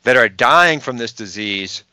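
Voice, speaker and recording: Bright, emphatic man with a Boston accent. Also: medium pitch, expressive, clear, resonant tone, dry recording. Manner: emphatic, rhetorical questions, quick asides. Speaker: podcast guest, health researcher. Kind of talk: explanatory interview talk.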